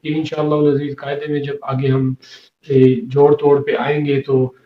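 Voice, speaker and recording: Man, Quran reading teacher, patient, repeats letters slowly, roomy echo, dull lo-fi sound. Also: medium pitch, monotone. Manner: patient, repeats letters slowly, recites verses in drawn-out chant. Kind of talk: explanatory lesson. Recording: echoey, dull lo-fi room sound.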